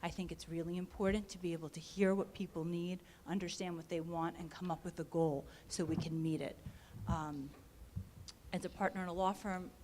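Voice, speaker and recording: Earnest, passionate woman candidate, lower voice. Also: darkish tone, slight background noise. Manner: earnest and passionate, many "um" and "quite frankly". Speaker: school board candidate. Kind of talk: candidate interview statement. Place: public meeting room.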